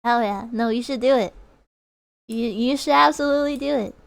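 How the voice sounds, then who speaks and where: A woman's voice: fairly high pitch, normal speed, vocal fry. A young woman chatting casually with her viewers during a drawing livestream, reading out messages and giggling often. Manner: giggly, reads out chat. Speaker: art streamer.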